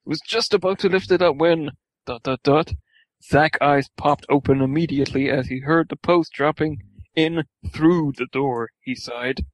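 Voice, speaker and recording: A man's voice: fairly high pitch, moderate pace, no echo, rough recording. A man reading fan fiction aloud for laughs, stumbling over words and swearing at the text. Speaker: reader.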